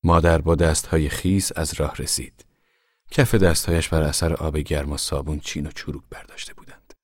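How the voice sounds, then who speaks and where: A man giving measured, solemn scripted narration of a novel for a radio drama. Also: extremely low pitch, fairly even intonation, no room sound, clean studio sound.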